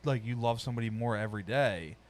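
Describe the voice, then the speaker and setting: A man's voice: medium pitch, fast talker, crowd noise. A man chatting casually and swearing freely, with a slight whistle on his s sounds. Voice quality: whistles on s sounds when talking. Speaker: podcast participant. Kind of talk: casual conversational podcast chat.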